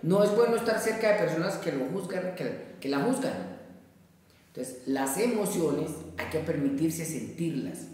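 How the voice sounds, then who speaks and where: A man's voice: a little high, lively intonation, a little mellow. Echoey man explaining a self-help exercise. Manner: measured, explaining with everyday examples and frequent "¿sí?". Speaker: therapist giving a daily exercise. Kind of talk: spoken self-help talk. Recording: very echoey, roomy, slightly distant from the mic.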